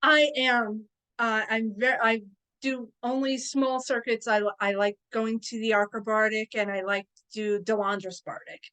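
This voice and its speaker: A woman chatting as a podcast guest, telling stories in a hesitant way with frequent pauses and fillers. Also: fairly high pitch, flat delivery, a bit bright, clear, resonant tone, low-quality recording. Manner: hesitant, with many fillers and restarts. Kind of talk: casual interview chat.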